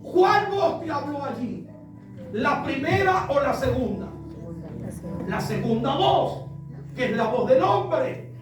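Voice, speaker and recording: A man with an Argentine accent preaching a sermon, impassioned and rising to shouts, telling stories to his congregation. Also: extremely high pitch, lively intonation, slow, pauses often, over music. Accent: Argentine Spanish. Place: church hall with congregation. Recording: echoey church, mic far off.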